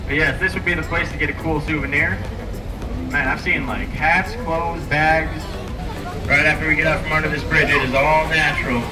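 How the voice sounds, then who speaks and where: A chatty man in his thirties gives a joking tour commentary on an open river boat, his fairly high voice coming through a speaker. It sounds roomy and a bit distant, with loud music behind. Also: fairly even intonation, normal speed. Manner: chatty, jokey, addresses riders as friends.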